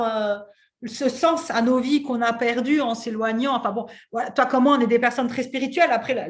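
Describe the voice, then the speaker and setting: A woman in her thirties hosting a podcast interview, talking in an animated, casual way with lots of fillers. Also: a little high. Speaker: podcast host and coach.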